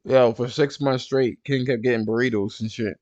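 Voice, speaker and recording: A young man co-hosting a casual podcast chat, telling animated stories and acting out voices. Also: medium pitch, normal speed, no room sound, dull audio. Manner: animated storyteller, acts out voices. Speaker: podcast co-host.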